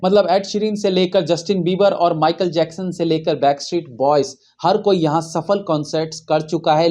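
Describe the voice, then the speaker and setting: A man's voice: fairly high pitch, darkish tone. A man hosting satirical news, with mocking, sarcastic asides.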